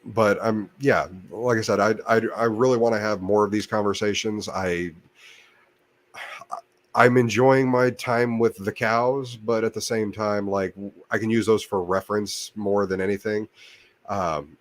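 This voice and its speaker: Using a desk mic next to his computer monitor, a channel host talks loosely on his livestream, stopping and restarting often and filling gaps. He sounds on the low side, steady and unhurried, with no room sound.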